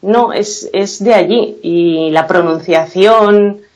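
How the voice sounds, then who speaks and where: A woman with an accent from Spain answers as an interview guest in a middle-pitched voice. She speaks thoughtfully, pausing and hunting for words as she goes. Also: darkish tone, dull audio. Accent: Spanish from Spain. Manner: thoughtful, hesitant, many pauses and fillers. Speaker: guest, English academy founder. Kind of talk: casual interview chat.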